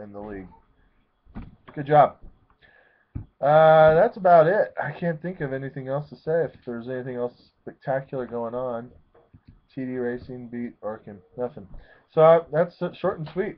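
Man, thirties, casual rambling, self-correcting, excitable, phone-like webcam audio, at home. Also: mid-range voice, moderate pace. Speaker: fantasy football league commissioner. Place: small room at home, seated in a leather chair.

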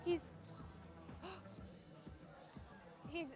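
A woman's voice: high-pitched, expressive, a little fast, a crowd in the background. A young actress playing an urgent, bossy teenage girl who gives orders in a film scene. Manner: urgent and commanding. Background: film score music.

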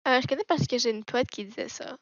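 Woman, 20s, Québécois accent, high voice, laid-back, laughs a lot. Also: fast, no room sound, dull audio. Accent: Québécois French. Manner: laid-back, laughs often, plays along with the teasing. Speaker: voice chat guest. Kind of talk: casual voice chat.

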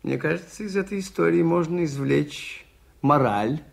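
A man's voice: on the high side, moderate pace, creaky. Father Brown, mild priest detective. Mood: curious. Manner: polite, questioning. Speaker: radio drama actor. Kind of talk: 1980s Soviet radio theatre acting.

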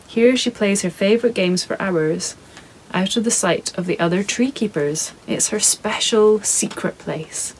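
Recorded in her home studio, this mid-range voice belongs to a woman in her thirties reading her picture book to children. Her delivery is soft, calm, and measured.

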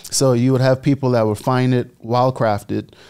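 A man in his thirties from the Bahamas with a Bahamian accent, a guest telling his story in a relaxed way in a casual podcast interview, speaking into a studio mic. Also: mid-range voice, normal speed, clear, resonant tone. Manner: relaxed storytelling, gestures while talking. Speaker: guest entrepreneur. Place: studio set with leather armchairs. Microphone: boom-arm studio mic.

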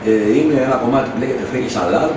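A man's voice: medium pitch, lively intonation. Chatty man with a studio anecdote. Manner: chatty anecdote with quoted asides. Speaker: musician, guest. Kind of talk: casual storytelling. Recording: echoey room, distant mic, noisy.

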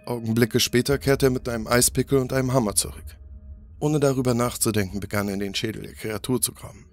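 A man narrating a scripted horror story in a steady, grave storytelling manner. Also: mid-range voice, quick pace. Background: faint music.

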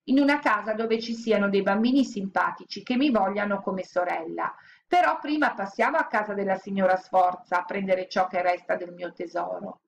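A woman voicing a stubborn, determined orphan girl who speaks in a steady, plain way. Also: mid-range voice, moderate pace, creaky, natural voice. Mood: calm.

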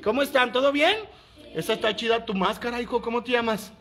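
A Mexican man vlogging at a primary school, joking playfully and calling out loudly. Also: extremely high pitch, a little fast. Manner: playful, teasing, calls out loudly. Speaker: vlogger delivering a birthday gift. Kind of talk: casual joking vlog chat. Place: outside and inside a primary school.

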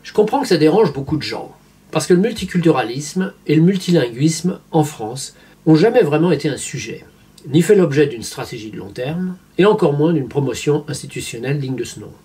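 His voice runs on the high side, mellow, with lively intonation and a slightly fast pace. This man in his fifties, a vlogger commentator, shares wry, didactic opinions to a camera in a small furnished room at home.

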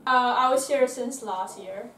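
A woman's voice: fairly high pitch, a bit bright. Hesitant young woman from China, noisy room. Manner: hesitant, slow, repeats words. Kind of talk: casual interview answers. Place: small dormitory bedroom. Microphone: far camera. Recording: roomy, distant, noisy.

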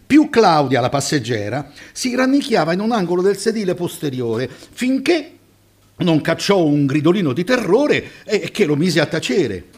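Male storyteller, animated reading, somewhat high voice. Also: normal speed. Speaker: reader and guest storyteller. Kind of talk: reading a short story aloud on a web show.

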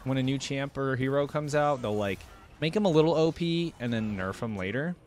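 Brisk and lively in intonation, this young man's mid-range voice has a darkish tone. He hosts reaction videos, offering informal gameplay commentary and thinking aloud close to a desktop microphone with headset, with background noise clearly present.

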